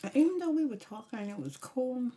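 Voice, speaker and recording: A woman's voice: fairly high pitch, expressive, fast talker, dark tone, slight background noise. A woman ASMR vlogger rambling through a casual story time, talking candidly and emphatically with slangy asides and advice.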